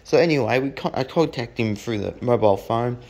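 A man's voice: medium pitch, brisk, a little mellow. An Australian man telling a blunt, profane anecdote in a rambling, casual way. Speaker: storyteller.

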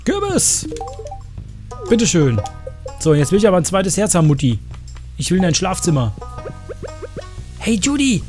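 A man's voice: sits high, sing-song, fairly quick, long pauses, a little mellow, faint music behind. Chatty man streaming a farming game. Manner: chatty, joking, crude asides, talks to chat. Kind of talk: casual gameplay commentary.

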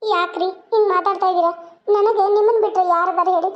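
A woman voicing a young orphaned wife in a cartoon, gentle and imploring. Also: extremely high pitch, fairly even intonation, fast, lo-fi sound. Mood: pleading. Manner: tearful, imploring.

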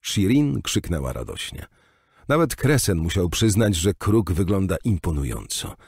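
Deep husky male audiobook narrator. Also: normal speed, no echo, studio quality. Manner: expressive storytelling with wide pitch. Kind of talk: scripted narration.

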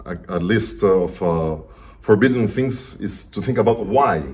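A man's voice: fairly low pitch, measured pace, slight background noise. A middle-aged man interviewing a guest at a conference, friendly, with many short acknowledgements. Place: indoor conference room.

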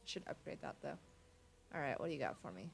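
A young American woman speaks fast in a very deep, gravelly voice with big pitch swings, against slight background noise. She's a gaming channel host with a sniffly head cold, laid-back as she plays a card game at her home computer and mutters to herself through the let's-play.

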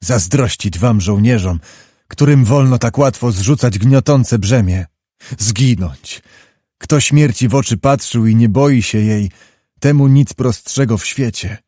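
Proud, bitter middle-aged prince, read by a male narrator; dark tone, dry close sound. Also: mid-range voice, measured pace, no echo, close to an everyday voice. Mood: grave. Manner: grave, impassioned pleading.

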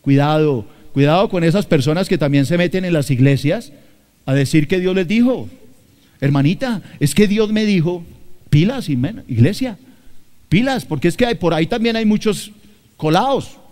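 Preaching to his flock with emphasis, a pastor from Colombia speaks in a Bogotá accent, repeats phrases and talks straight to them. The voice is high-pitched and animated, somewhat dark in tone, at a moderate pace.

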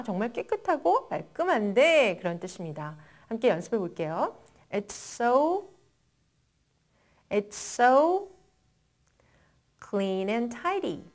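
A woman teaches English expressions in a language lesson. Her voice sits a little high and swings widely in pitch. Her pace is very slow, with deliberate drill repetitions between short explanations. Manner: switches between quick Korean explanation and slow, deliberate English model phrases.

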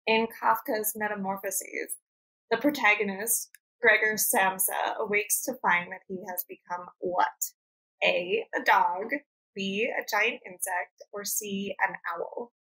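A woman hosting a podcast, running a playful animal trivia quiz with frequent laughter and quick asides. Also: medium pitch, steady tone, sharp tone, husky, low-quality recording. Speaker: podcast host and producer. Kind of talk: casual quiz chat.

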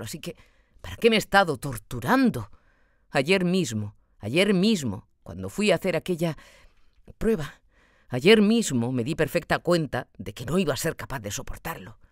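A woman voicing a tormented, feverish young male student who talks in an anguished, hushed, half-whispered mutter in an audiobook. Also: low-pitched, no echo, studio quality. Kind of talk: audiobook character voice.

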